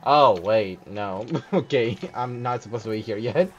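A man's voice: lowish voice, unhurried, lo-fi sound, soft background music. A man playing a video game, laid-back and teasing, chatting casually as he goes. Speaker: game player. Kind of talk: casual gameplay commentary.

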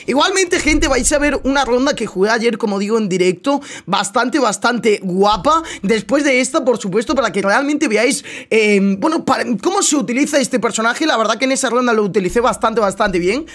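A young male streamer with a notably high-pitched voice and a Castilian Spanish accent. He talks casually over his gameplay, explaining and reacting as he goes. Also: expressive, fairly quick, few pauses, a bit bright. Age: young adult. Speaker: gaming streamer.

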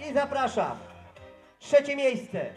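A man calls out results through a megaphone, his very high voice spreading in echo. He reads names slowly and formally and keeps asking for attention. Music plays behind him. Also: big pitch swings. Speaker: event announcer. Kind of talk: announcing competition results. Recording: echoey loudspeaker sound with music behind.

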